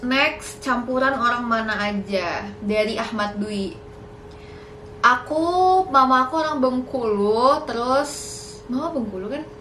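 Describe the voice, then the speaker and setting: A woman's voice: a little high, takes it slowly, long pauses, fairly bright tone, reverberant, a little hiss or hum, rough recording. A young woman in a casual Q&A vlog, chatty and a little nervous, mixing in English words. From Indonesia. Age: young adult. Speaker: YouTuber.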